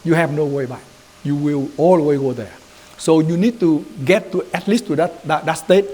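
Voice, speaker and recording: A man with a Vietnamese accent, a Buddhist youth leader, gives an informal training lecture, speaking loosely, mixing in Vietnamese phrases, and often asking "right?" His voice is fairly high and warm, at a moderate pace.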